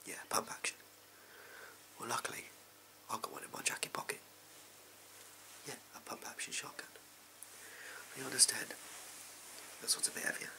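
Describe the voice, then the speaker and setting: A young adult Englishman plays a sleazy, amoral backstreet gun dealer in a lightly acted whispered role-play, his medium-pitched voice flat, fry-laden and at normal speed with frequent pauses. His furtive, clipped, offhand patter feels casual, recorded close to the camera in a small room at home.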